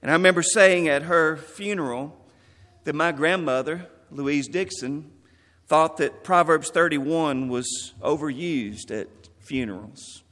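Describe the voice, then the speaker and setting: A man preaching a memorial sermon in a church, earnest and measured, quoting scripture. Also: on the high side, fairly bright tone, big-room sound. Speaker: pastor.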